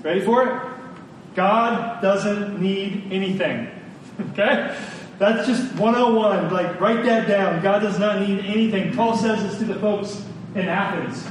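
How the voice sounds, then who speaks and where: A little slow, the preacher stays emphatic and informal, stressing points through repetition and speaking colloquially to his listeners. The large room where the congregation sits yields an echoey, distant-miked recording with faint rumbling.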